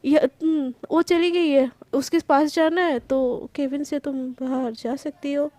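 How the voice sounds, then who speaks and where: A woman's voice: high-pitched, fairly even intonation, measured pace, warm tone, no echo. Woman playing a jealous, snappy young boss. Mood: curt. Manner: snapping, scolding.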